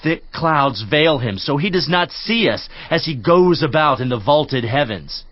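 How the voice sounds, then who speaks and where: In a dramatized scripture reading, an actor plays a stern friend lecturing a suffering man, his voice on the high side, expressive and measured. He sounds admonishing and preacherly, his emphasis rising and falling. The dry studio recording is slightly dull, with no echo.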